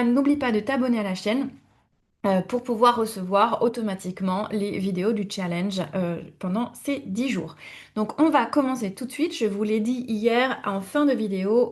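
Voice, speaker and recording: A woman giving a video language lesson at an unhurried, measured pace. She speaks to the viewer directly and repeats each word slowly for learners to copy. Her delivery is patient, with small hesitations between phrases. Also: mid-range voice. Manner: addresses viewers directly, frequent hesitation fillers. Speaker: German language teacher.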